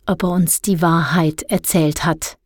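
A woman voicing a snippy, self-righteous teenage girl in an audiobook, lecturing in a low voice. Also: fairly even intonation, measured pace, dry recording, clean studio sound. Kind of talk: audiobook character voice.

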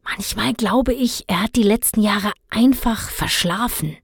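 A woman's voice: mid-range voice, a little slow, breathy edge, no echo. A woman voicing a young boy who begs and pleads with his father. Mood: pleading. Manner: begging, pleading.

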